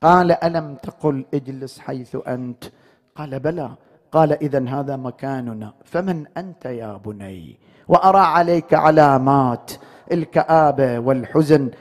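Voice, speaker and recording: A man's voice: mid-range voice, normal speed, a little mellow. A man, a mourning-ritual preacher, telling a religious story in a grieving, emotional, half-chanted recitation. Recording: echoey room.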